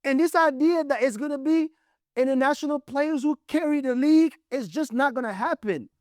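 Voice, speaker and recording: A man's voice: very high voice, moderate pace, dry recording, studio quality. A man from Congo giving blunt, emphatic opinion commentary on basketball as the show's host. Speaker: sports commentator.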